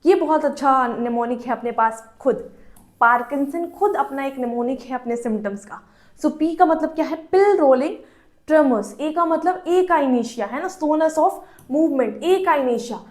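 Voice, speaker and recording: A woman's voice: high voice, expressive, measured pace. A woman giving a nursing exam-prep lecture, asking questions and answering them herself, repeating key terms.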